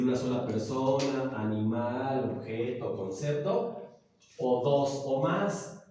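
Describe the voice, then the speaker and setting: Man, mexican accent, teacher lecturing a class, mellow tone, roomy echo from far off. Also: medium pitch. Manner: explains slowly, checks in with the class often.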